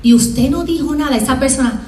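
A woman professor with a Puerto Rican accent, giving a lively motivational talk to students and acting out little scenes as she tells them. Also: high voice, fairly quick, background noise. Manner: lively, acts out scenes in small voices. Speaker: university professor. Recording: echoey room, from far off.

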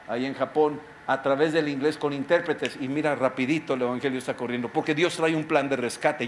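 A middle-aged pastor from Mexico, preaching a sermon emphatically and throwing rhetorical questions at the listener. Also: male voice, mid-range voice, a little hiss or hum.

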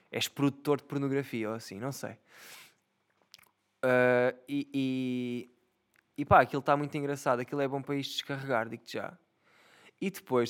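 A young man with a European Portuguese accent, casually ranting and telling a rambling, profane story as a vlogger. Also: medium pitch. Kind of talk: casual rant to camera.

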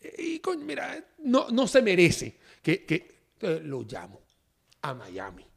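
A high-pitched man who talks with a gravelly edge and swoops all over his range. He chats as a guest in an animated, joking way, laughing through his sentences. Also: measured pace. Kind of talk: casual chat.

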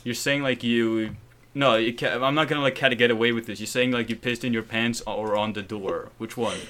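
A man's voice: medium pitch, steady tone, moderate pace, a bit bright. A young man co-hosting a podcast, chatting casually in a hesitant, stammering way. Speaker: podcast co-host. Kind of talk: casual chat.

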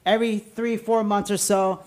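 A man's voice: high-pitched, level tone, normal speed, a little mellow. A man hosting a podcast in casual, rambling chat, informal and full of slang. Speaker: podcast host.

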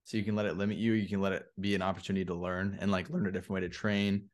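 A man's voice: low voice, little pitch movement, rapid-fire. A young man co-hosting a podcast in casual chat, laughing often and acting out his friends' voices. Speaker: podcast co-host.

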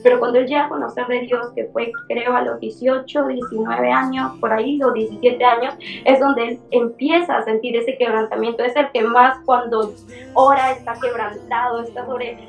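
A woman in her twenties, a young church leader, giving an emotional personal testimony in a halting way, with many fillers and restarts. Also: a little high, fairly even intonation, vocal fry, faint music behind, poor audio. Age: 20s.

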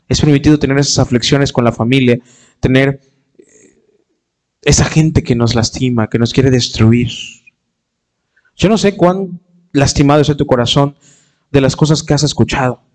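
A man preaching a sermon in an impassioned way, acting out the voices of hurting people. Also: darkish tone. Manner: impassioned, acts out quoted voices with rising pitch.

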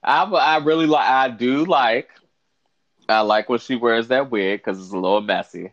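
A man's voice: mid-range voice, moderate pace, fairly bright tone. A man casually reviewing fashion looks as co-host, sassy and blunt with campy slang, in a lo-fi recording. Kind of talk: casual chat, commentary.

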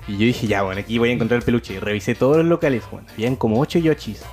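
A man's voice: medium pitch, rapid-fire, faint music behind. A young man with a Chilean accent telling a story in a casual chat, full of slang and acted-out outbursts. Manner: animated storyteller, heavy slang, acts out scenes with loud outbursts. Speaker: podcast co-host.

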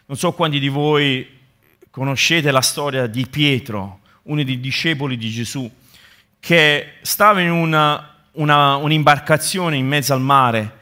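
A man's voice: medium pitch, sharp tone. A male pastor delivering a sermon, building his points through repeated phrases and speaking directly to his congregation. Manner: impassioned preaching with repeated rhetorical build-ups; addresses the congregation directly with asides.

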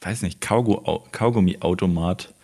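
A man co-hosting a casual tech podcast, musing out loud with hesitations. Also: low-pitched, moderate pace. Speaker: podcast co-host.

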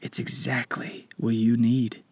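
A man voicing a wise, mysterious male spirit guide, speaking slowly in a hushed, breathy way. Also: medium pitch, no room sound. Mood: hushed warning. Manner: slow, hushed, breathy delivery.

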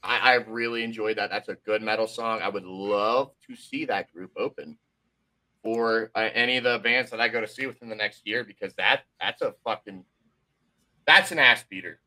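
A man's voice: on the low side, moderate pace, sharp tone. A tired, yawning man co-hosting a music review podcast, chatting casually and profanely, often restarting his sentences. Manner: loose, profane, trailing off in restarts. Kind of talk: casual chat.

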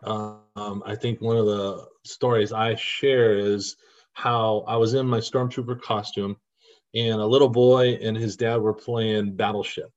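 On a podcast, a costumed volunteer tells heartfelt stories during an interview, speaking earnestly and growing emotional as he recounts them. His voice is fairly low, level in tone and unhurried, and the recording sounds muffled.

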